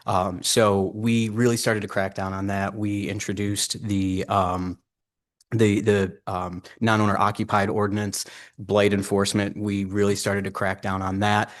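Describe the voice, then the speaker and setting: A man with a low voice answers interview questions at a city meeting in a meeting room. He speaks earnestly and at length into a table microphone, with many "um"s and "uh"s along the way. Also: flat delivery, a little slow. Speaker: job candidate for city administrator.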